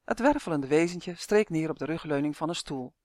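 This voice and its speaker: A woman narrating a children's fantasy story aloud in an even, clear manner. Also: low-pitched, a little fast, no room sound, studio quality.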